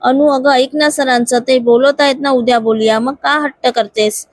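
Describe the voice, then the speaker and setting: A woman voicing a gently coaxing young friend. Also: high voice, steady tone, a little hiss or hum, lightly acted. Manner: coaxing, slow.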